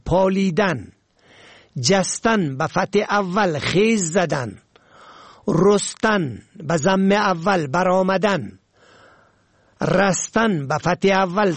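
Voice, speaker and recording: A man presenting a language program, reading a scripted lesson and listing words with their pronunciations in a measured way. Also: high voice, no room sound.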